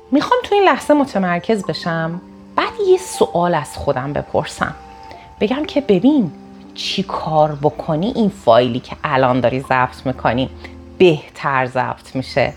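Woman teaching with shifting, lively tone. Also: sits low. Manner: deliberately varies tone and loudness, conversational. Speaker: self-help course teacher. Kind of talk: recorded audio lesson.

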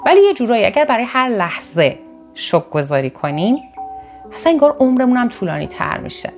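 A woman from northern Iran giving an animated motivational talk to her viewers. She often jumps up in pitch for emphasis and restarts or corrects herself mid-sentence. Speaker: motivational speaker. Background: faint background music.

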